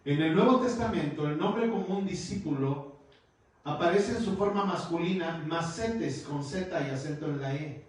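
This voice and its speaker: A man's voice: a little high, moderate pace. A man preaching a sermon as pastor, teaching and calling his listeners brother. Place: church hall. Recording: echoey hall, far from the mic.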